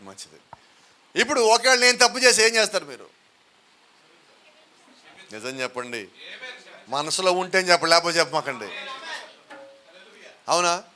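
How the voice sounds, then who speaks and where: A man's voice: high-pitched, pushed and bright. A man with a Telugu accent preaching a sermon, often putting questions to the congregation and urging them to answer aloud.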